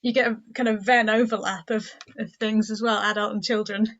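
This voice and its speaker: A woman's voice: medium pitch, fairly even intonation, fairly quick, fairly bright tone. Hesitant woman, lo-fi podcast sound. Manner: hesitant, searching for words. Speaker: podcast co-host. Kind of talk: casual chat.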